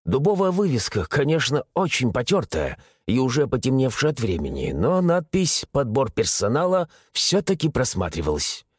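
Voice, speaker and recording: A man narrating an audiobook in the first person with expressive storytelling. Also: mid-range voice, normal speed, hardly any pauses, husky, no echo, studio quality.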